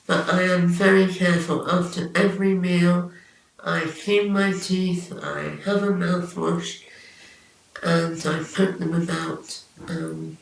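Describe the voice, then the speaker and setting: A woman's voice: fairly low pitch, creaky. A woman giving plain personal testimony as a patient about looking after herself. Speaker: patient sharing treatment experience. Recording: very echoey room, distant mic.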